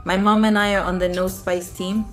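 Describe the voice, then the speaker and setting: A woman's voice: medium pitch, little pitch movement, normal speed, fairly bright tone. A woman vlogger chatting casually to viewers and family during a food challenge. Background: music, clinking dishes.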